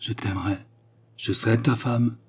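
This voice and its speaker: A man reading the part of a nobleman torn between rage and icy calm, in an intense, declamatory way. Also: fairly low pitch, normal speed, husky. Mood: raging vow. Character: enraged cold-blooded male nobleman.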